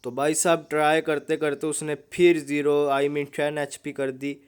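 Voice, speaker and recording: Commenting on a mobile game, a young YouTuber keeps things casual and jokey, dropping "bhai sahab" again and again. He speaks a little slowly in a slightly high voice with little pitch movement, and his tone is clear and resonant.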